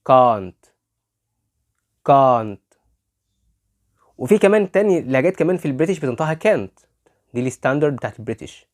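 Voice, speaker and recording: A man with an Egyptian Arabic accent teaching a phonics lesson, asking his students rhetorical questions and saying each model word loudly twice. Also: mid-range voice. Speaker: English pronunciation teacher.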